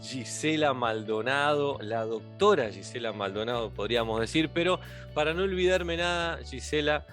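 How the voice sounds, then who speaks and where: A man with a Rioplatense accent hosting a podcast interview, relaxed and friendly, asking long rambling questions. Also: mid-range voice, no echo. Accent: Rioplatense Spanish. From Argentina. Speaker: podcast host. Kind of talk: conversational interview.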